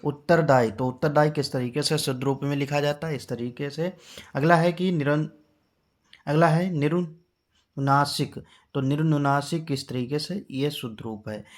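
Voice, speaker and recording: A man's voice: on the high side, steady tone, unhurried. A male teacher giving an exam-prep spelling lesson, patiently drilling each word and quizzing his class with rhetorical questions.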